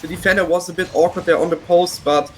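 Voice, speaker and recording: Halting male esports color commentator. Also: sits high, fairly even intonation, a bit bright, slight background noise, poor audio. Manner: halting, analytical, many fillers and restarts. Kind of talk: live esports analysis.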